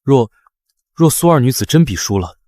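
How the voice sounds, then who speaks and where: A man's voice: medium pitch, sing-song, normal speed, darkish tone, no echo, studio quality, natural voice. An actor playing a cautious subordinate who speaks deferentially and hesitantly to his lord. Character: deferential, cautious servant of a prince.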